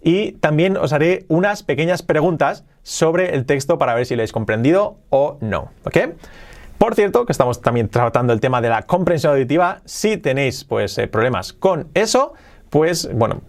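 Male podcast English teacher, mid-range voice, explanatory classroom delivery with slow drilled examples. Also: mid-range voice, animated. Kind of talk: Spanish-language English lesson.

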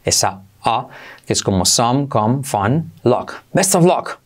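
Upbeat Spaniard drilling English phrases. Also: male voice, medium pitch, animated, slightly rough. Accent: Spain Spanish. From Spain. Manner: drills phrases slowly, coaxing "come on, repite conmigo". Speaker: English teacher. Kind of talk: energetic English lesson.

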